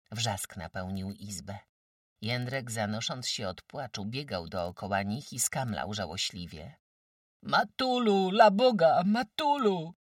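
Bright-voiced male audiobook narrator. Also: lowish voice, no echo, studio quality, distant mic. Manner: dramatic, expressive storytelling. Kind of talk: audiobook narration of a classic novel.

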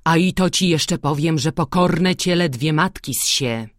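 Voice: mid-range voice, unhurried, fairly bright tone, no echo, studio quality, natural voice. Reader doing a stern old village priest. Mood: scolding. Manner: admonishing, lecturing. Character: stern older male village priest, scolding.

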